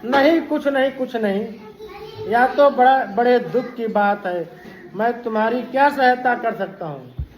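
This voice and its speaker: A woman's voice: on the high side, measured pace, a little mellow, echoey room, lightly acted, poor audio. A woman voicing a sly, cautious male jackal in a children's story, asking wary questions.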